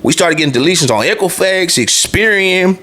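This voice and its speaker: A man's voice: sits high, lively intonation, a little fast, pushed and bright. A man in his late twenties, a former truck driver, telling his own story in a loose, profane, casual monologue full of "you feel me.". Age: 20s.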